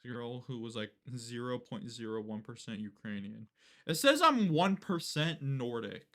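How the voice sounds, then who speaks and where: A man's voice: medium pitch, expressive, moderate pace, fairly bright tone. A young man live-streaming, chatting casually and rambling with lots of fillers and casual swearing. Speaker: livestreamer.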